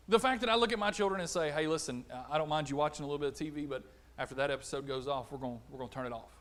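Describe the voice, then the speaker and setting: A middle-aged man preaching a conversational sermon, animated, acting out little exchanges. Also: fairly high pitch, fast. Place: church auditorium.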